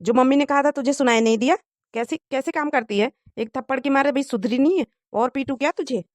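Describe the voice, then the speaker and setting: A harsh, hot-tempered young husband from a cartoon moral story barks orders and threats at his wife, with a woman putting on the voice. His voice sits a little high and he scolds more than he speaks. The recording is dry and close. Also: quick pace, no echo, close to an everyday voice. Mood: angry threats.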